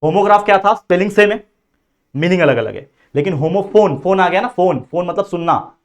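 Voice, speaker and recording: A man. He explains step by step, keeps checking whether students follow, and slows right down to read each example sentence. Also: high-pitched, animated. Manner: reads example sentences slowly and deliberately. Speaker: tutor. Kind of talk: exam-prep grammar lesson.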